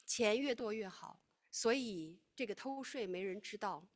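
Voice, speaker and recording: A woman preaching a sermon, teaching in an animated way that swings between loud, emphatic stretches and hushed, quiet ones. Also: mid-range voice, a little slow.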